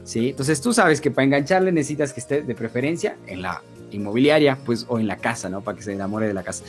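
A sales and marketing trainer with an Ecuadorian accent gives an informal sales lesson, role-playing examples and often checking in with short tag questions. His voice is medium in pitch, he talks fast, and faint music plays behind him.

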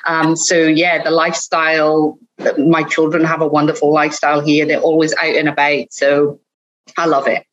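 Middle-aged Welsh woman, blended accent, lowish voice, chatty and self-correcting guest, dull remote recording. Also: monotone, normal speed. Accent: Welsh with Scottish and Australian traces. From Wales. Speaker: podcast guest, lawyer. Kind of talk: casual interview talk.

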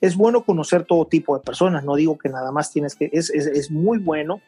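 A middle-aged man, talking through his life story as an interview guest. His voice sits a little high but sounds warm and slightly husky, with soft music faintly underneath. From Mexico (Veracruz). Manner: unhurried, many restarts and fillers. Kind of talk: conversational interview.

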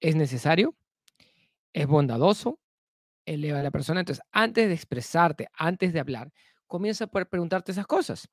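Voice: mid-range voice, animated, moderate pace, no echo, clean studio sound. A speaker teaching, heavy on rhetorical questions. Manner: repeats key phrases and asks rhetorical questions; leans often on the filler "entonces". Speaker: self-improvement speaker. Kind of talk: spoken self-help lesson.

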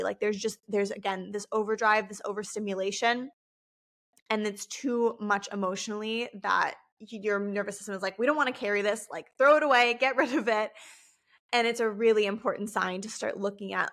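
A woman's voice: medium pitch, vocal fry, fairly bright tone. A young woman speaking as a self-help coach in a casual, conversational way, often asking "right?".

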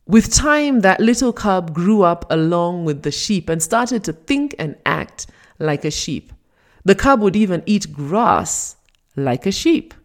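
A woman giving a scripted motivational talk, telling a fable in a deliberate, emphatic way. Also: on the low side. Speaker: motivational speaker.

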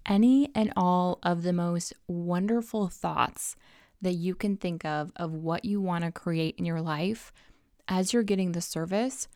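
An upbeat woman shares tidy, practical advice in a casual vlog style. Her voice sits slightly low, with noticeable vocal fry but a clean, smooth tone. She stresses her points by repeating key phrases. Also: a little mellow, no room sound, studio quality. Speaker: lifestyle advice vlogger. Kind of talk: casual personal vlog giving tips.

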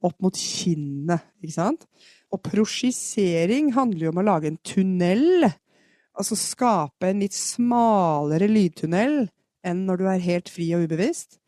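A woman from Norway giving a chatty live podcast singing lesson, explaining technique and demonstrating vocal fry sounds. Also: on the low side, lively intonation, warm tone, no room sound, clean studio sound. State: has a cold. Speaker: singing teacher. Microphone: podcast microphone.

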